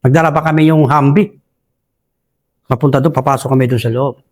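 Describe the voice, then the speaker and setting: A man's voice: mid-range voice, fairly even intonation, a little fast. A man from Basilan recounts his time as a soldier, deferential and full of restarts. He keeps calling the host "Sir" as he talks. His voice sits in an ordinary middle range. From Basilan, Philippines. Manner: respectful, says "Sir" constantly, rambling with restarts. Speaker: retired soldier guest. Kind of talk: casual war storytelling.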